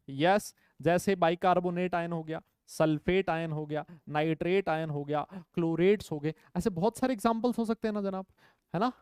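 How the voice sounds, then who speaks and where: A man's voice: sits high, darkish tone, clear, resonant tone, no room sound, clean studio sound. A man teaching a chemistry lecture, emphatic, repeating key points and checking in with his students. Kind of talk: online lecture.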